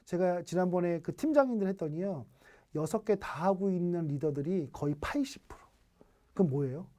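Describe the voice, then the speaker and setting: A lecturer with a mellow, warm tone delivers an online training session. The talk is full of rhetorical questions. Short snippets of dialogue are acted out to make each point. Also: mid-range voice. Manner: asks rhetorical questions, acts out quoted dialogue.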